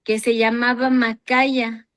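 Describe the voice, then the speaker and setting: A woman with a somewhat high voice leads a Bible reading circle at an unhurried pace. She reads scripture passages aloud and adds her own comments on them. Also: level tone.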